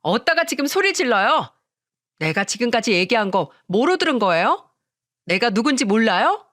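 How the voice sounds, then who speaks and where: A woman voicing a haughty young wife who mocks her in-laws in a shrill, condescending way for a narrated story. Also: sing-song, moderate pace, fairly bright tone, no echo, clean studio sound. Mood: sneering. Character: haughty young judge's wife, arrogant sister-in-law.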